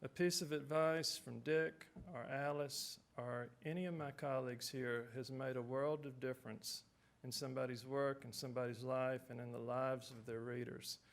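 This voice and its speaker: A male author giving relaxed, self-deprecating remarks at a writers' conference, then reading his own short story aloud. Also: medium pitch, moderate pace, vocal fry.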